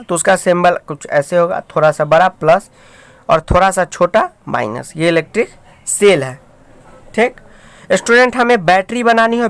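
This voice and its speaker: A man's voice: high voice, fairly bright tone, clear, resonant tone, no echo. A man teaching a school science lesson, explaining step by step and often calling out to his students while he draws diagrams. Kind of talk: classroom science lecture.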